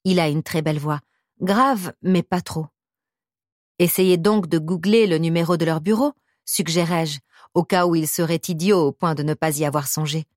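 A woman reads a novel in the first person, with a measured, intimate delivery and a touch of wry humor. Her voice sits slightly low. The studio sound is dry and close. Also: a little mellow, no room sound. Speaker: audiobook narrator. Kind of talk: first-person audiobook narration.

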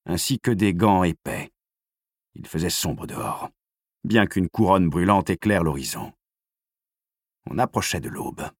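Low husky male audiobook narrator. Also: no room sound, studio quality. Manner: measured, steady storytelling.

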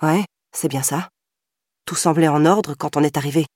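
A woman voicing a tired, irritable male police officer with a sarcastic edge, close to her own low reading voice. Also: moderate pace, darkish tone, no room sound. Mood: gruff. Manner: gruff, sarcastic.

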